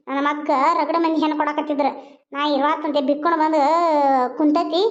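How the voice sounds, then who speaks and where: Woman doing a shrill, grumbling old mother-in-law. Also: level tone, brisk, lightly acted. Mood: scolding. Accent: North Karnataka Kannada. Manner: scolding, self-pitying complaints. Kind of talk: cartoon voice acting. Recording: dull lo-fi sound.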